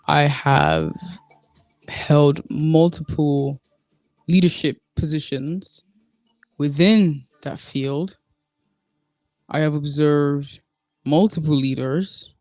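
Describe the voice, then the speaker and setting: A woman hosting a solo talk podcast, speaking deliberately and repeating phrases for emphasis. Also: low voice, expressive, darkish tone, no echo. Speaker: podcast host.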